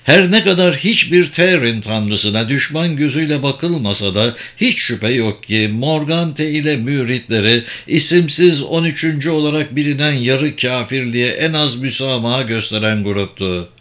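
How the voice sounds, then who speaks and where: A man narrating a fantasy audiobook in a measured, even storytelling delivery. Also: medium pitch.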